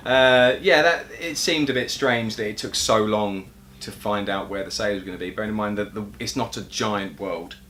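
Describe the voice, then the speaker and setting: A man's voice: fairly low pitch, moderate pace, few pauses, a bit bright, a little hiss or hum. A young man co-hosting a casual gaming chat, laid-back and agreeable with a dry manner. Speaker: co-host of gaming chat show.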